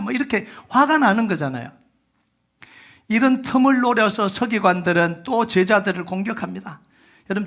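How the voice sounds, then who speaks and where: A man's voice: high-pitched, gravelly, fairly bright tone. A man preaching a Sunday sermon as pastor, talking to the congregation conversationally with rhetorical questions and leading them in reading scripture aloud. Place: church sanctuary.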